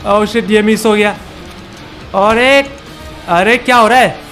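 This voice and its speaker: A high-pitched man calls out a game as he plays. He taunts and repeats short words in excited bursts. Faint game music plays behind him. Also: fairly quick. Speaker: gaming channel host. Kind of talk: excited gameplay commentary.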